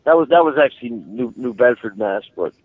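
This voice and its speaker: A man's voice: medium pitch, animated, brisk, slightly rough, narrow, tinny audio. A man co-hosting a casual radio chat who stammers and asks questions.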